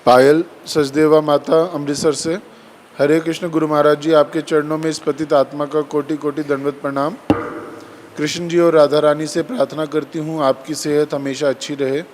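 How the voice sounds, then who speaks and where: Man reading a message in a flat tone. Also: fairly high pitch, normal speed, slight background noise. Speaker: reader of viewer messages.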